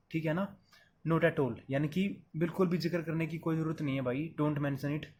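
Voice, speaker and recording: Male teacher, fairly high voice, chatty step-by-step explanations, faint background noise. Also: a little mellow. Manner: chatty, explains step by step, calls the viewer "brother". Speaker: English teacher. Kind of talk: explanatory Hindi lesson on English phrases.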